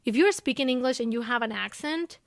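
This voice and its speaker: A woman's voice: a little high, animated, a little fast, creaky, no echo, studio quality. A young woman from Ecuador with a Spanish accent, speaking English as her second language and chatting animatedly as an interview guest, full of "you know" and "like". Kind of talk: casual interview conversation.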